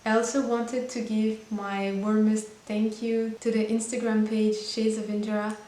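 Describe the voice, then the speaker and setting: A Belgian woman in her twenties, a native French speaker, vlogs to camera in a casual personal monologue about her life, earnest and chatty with small restarts. Her mid-range voice barely moves in pitch and runs a little slow, recorded in an echoey room with faint hiss.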